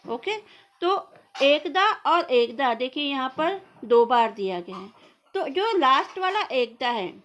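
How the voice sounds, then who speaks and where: A woman teacher, giving a classroom grammar lesson. She asks a question, answers it herself and repeats words slowly for her students. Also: high voice, a bit bright, a little hiss or hum. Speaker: school teacher.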